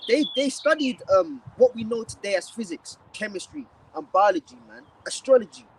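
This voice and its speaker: A man's voice: extremely high pitch, animated, moderate pace, slightly rough, distant mic, poor audio. A man with a London accent preaching outdoors, lecturing emphatically and reading scripture aloud. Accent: London English. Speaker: street preacher. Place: outdoors in a city street.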